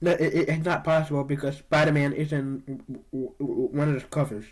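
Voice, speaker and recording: A man co-hosting a casual podcast chat, sniffly from allergies and talking in a relaxed, chatty way. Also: a little high, fairly quick, rough recording. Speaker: podcast co-host.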